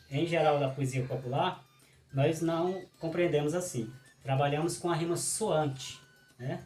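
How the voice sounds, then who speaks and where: A man's voice: on the high side, darkish tone. Patient male teacher. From Ceará, Brazil. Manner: patient, explanatory, stresses syllables slowly, frequent "né". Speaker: cordel poet teaching a workshop. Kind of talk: online lesson. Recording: roomy echo with faint music.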